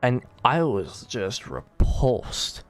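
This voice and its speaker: A man's voice: mid-range voice, lively intonation, very slow, creaky, dry recording, faint music behind. A man co-hosting a podcast late at night, sleepy and yawning, talking in a rambling, sarcastic way with lots of fillers. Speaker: podcast co-host. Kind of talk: casual chat.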